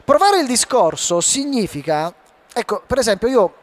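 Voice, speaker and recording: A man giving a live talk on public speaking to an audience, animated and asking them rhetorical questions. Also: extremely high pitch, moderate pace. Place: hall before a live audience.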